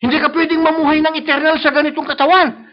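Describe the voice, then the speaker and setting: A man's voice: very high voice, flat delivery, quick pace. A man with a Filipino accent preaching a sermon, switching between Tagalog and English and often asking "no?" to the congregation. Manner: mixes Tagalog and English, repeats "sabi niya" and "no?". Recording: dull lo-fi live stream audio.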